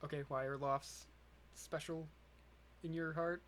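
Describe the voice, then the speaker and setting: A young man co-hosting a podcast in casual chat, giving dry, low-key replies. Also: fairly even intonation, measured pace, a bit bright, a little hiss or hum. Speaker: podcast co-host.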